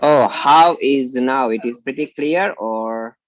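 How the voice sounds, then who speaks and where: Very low-voiced woman on a choppy call. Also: slow pace, no echo. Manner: quizzes students with frequent questions. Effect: choppy video-call audio that keeps cutting out. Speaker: religious class teacher. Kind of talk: online class teaching. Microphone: video call. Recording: dull lo-fi choppy call audio.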